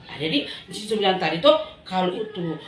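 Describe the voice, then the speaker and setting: A woman with a Manado Malay accent, telling a Bible story to children in an animated way and asking them questions. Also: on the low side, brisk, slight background noise. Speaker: Sunday school teacher. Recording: echoey room.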